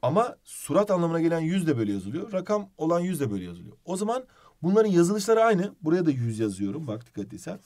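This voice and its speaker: Lively, playful male teacher. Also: high voice, fast. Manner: playful, animated teaching with questions. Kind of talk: video lesson.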